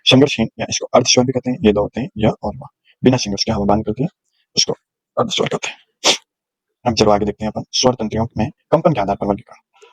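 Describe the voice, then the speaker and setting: A man's voice: on the low side, fast talker, slightly rough, dry recording, rough recording. A male teacher giving a grammar lesson, explaining patiently and sounding out letters one at a time. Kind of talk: classroom lecture on grammar.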